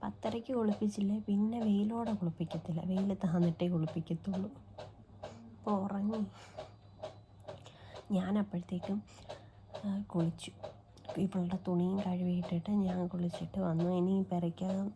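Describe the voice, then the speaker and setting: A woman's voice: fairly low pitch, fairly even intonation, moderate pace, pauses often, dark tone, slight background noise. A young woman and mother chatting casually to viewers in a daily-life vlog, recorded on a phone at home. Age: young adult. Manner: chatty, talks straight to viewers. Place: family home and garden.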